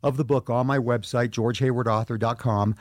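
A man's voice: mid-range voice, steady tone, brisk, no room sound, studio quality. A middle-aged man speaking as an author in an interview, earnest and reflective, often restarting his sentences. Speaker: author and guest. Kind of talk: interview conversation.

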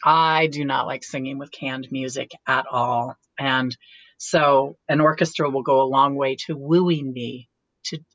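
A woman's voice: very deep voice, fairly even intonation, measured pace, fairly bright tone, no room sound, rough recording. A woman actor chatting casually as an interview guest, laughing often and restarting her sentences. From United States.

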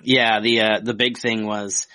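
A man with a gravelly voice who is sick, chatting casually as a podcast co-host. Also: fairly low pitch, level tone, measured pace, bright, forceful tone, dry recording.

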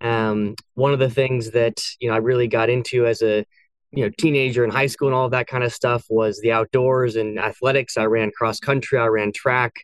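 A young man from California, an engineer and company co-founder, telling his background in a measured, steady way on a podcast. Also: mid-range voice, smooth, no room sound. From California, USA. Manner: measured, steady storytelling with "you know" fillers. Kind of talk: casual podcast interview.

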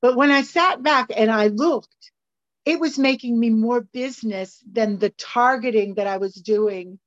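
A woman's voice: on the high side, a little slow. A woman on a video call sharing her business experience in a casual group discussion, hesitant and restarting her sentences. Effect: heard over a video call. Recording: dull lo-fi video call audio.

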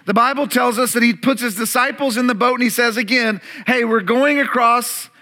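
A man's voice: extremely high pitch, fairly quick, sharp tone. A man preaching a sermon to his congregation, telling the story dramatically with playful asides to the room. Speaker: pastor. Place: church service before a congregation.

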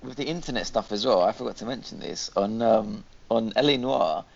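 A man's voice: fairly low pitch, expressive, brisk, gravelly, darkish tone. A man co-hosting a podcast, casually chatting about games in a questioning, teasing way. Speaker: podcast co-host. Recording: dull lo-fi podcast audio.

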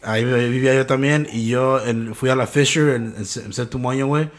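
A man's voice: mid-range voice, steady tone, brisk. A man hosting a casual chat, slangy and teasing, laughing often. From grew up in California. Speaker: podcast host.

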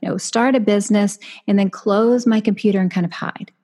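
A woman author and business coach talking casually in an interview, chatty and animated, jumping into high voices for quoted thoughts. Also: brisk.

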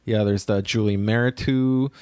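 A man's voice: on the low side, steady tone, normal speed, a little mellow, dry recording, clean studio sound. A man co-hosting a podcast, chatting casually and gossiping dryly with frequent fillers and restarts. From New York. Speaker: podcast co-host.

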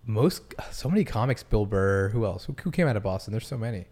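A podcast host from Massachusetts who chats casually, asking curious questions with a dry, joking edge. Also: male voice, fairly low pitch, lively intonation, fast talker, darkish tone. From Massachusetts, United States.

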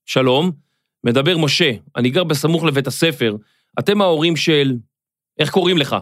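A man voicing a grumpy, angry middle-aged neighbor who scolds and shouts, in a children's audio story. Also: on the high side, dry recording, clean studio sound, close to an everyday voice.

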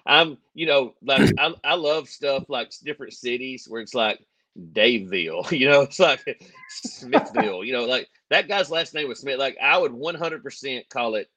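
A man's voice: mid-range voice, lively intonation, normal speed, bright, forceful tone, no room sound. A man co-hosting a podcast, rambling and joking in casual chat, often laughing as he talks. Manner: rambling, jokey, laughs easily. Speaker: podcast co-host.

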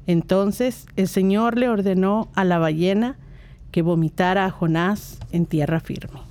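A reader calmly reading an Old Testament passage in a measured liturgical style. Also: mid-range voice. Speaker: scripture reader.

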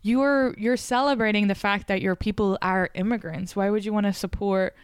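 A woman's voice: mid-range voice, fairly even intonation, normal speed, clean tone, dry recording. A woman from Ireland with an Irish accent, a comedian chatting casually as a podcast guest, full of fillers and quoted asides.

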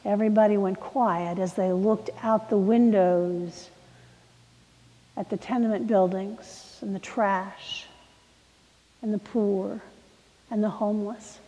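A woman preacher telling a story in a sermon, dramatic and moving between hushed and emphatic delivery. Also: mid-range voice, fairly even intonation, slow, pauses often, big-room sound, highs cut off.

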